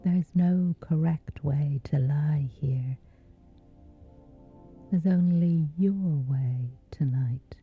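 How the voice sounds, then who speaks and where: Slow breathy woman guiding sleep. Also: low voice, phone-quality sound, faint music behind. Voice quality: breathy, whispery. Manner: slow, gentle, soothing pauses. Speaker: sleep meditation guide. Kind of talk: soft-spoken guided sleep meditation.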